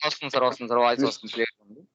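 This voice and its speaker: A man speaks very fast on a phone video call, his voice bright and sharp. He repeats short instructions about moving the camera closer. The audio is dull and lo-fi. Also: medium pitch, steady tone. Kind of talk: casual call giving setup instructions.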